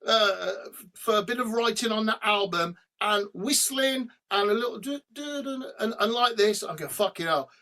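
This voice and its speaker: A middle-aged man, a rock singer guest on a podcast, telling animated stories over a remote call. He swears freely and breaks into humming and sung snippets. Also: high-pitched, normal speed, few pauses. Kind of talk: storytelling in a podcast interview.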